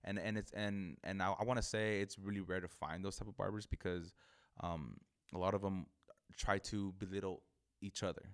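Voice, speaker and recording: A man's voice: sits low, steady tone, smooth. A man with a lisp from missing front teeth, chatting earnestly and casually as an interview guest, often repeating words. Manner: earnest, halting with repeated words, frequent "you know". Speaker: barber, podcast guest.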